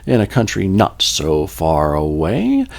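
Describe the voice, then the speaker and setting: A man's voice: sits low, huge pitch swings, slow pace, vocal fry, darkish tone. A man hosting a podcast, telling folklore in a casual, rambling way, with joking asides and self-corrections. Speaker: podcast host.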